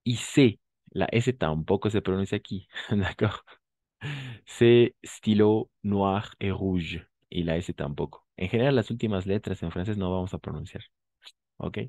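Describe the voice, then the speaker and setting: A man teaching a French class, explaining pronunciation patiently, modeling words slowly and often checking that students follow. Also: deep voice, a little mellow, dry recording.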